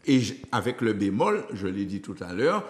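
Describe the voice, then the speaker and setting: An older man with a Martinican accent, a former school head who speaks as a guest in an animated, emphatic way and tells anecdotes. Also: fairly low pitch, moderate pace, in a large hall. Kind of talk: studio discussion.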